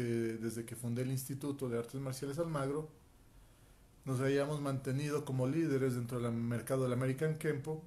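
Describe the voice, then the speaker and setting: An earnest self-introduction to camera comes from a martial arts instructor and life coach in his forties, from Quito, with an Ecuadorian Spanish accent; he speaks straight to the viewer and often tags "ok?". His voice is mid-range and dark in tone. He records indoors in a small home room, on a phone camera at arm's length.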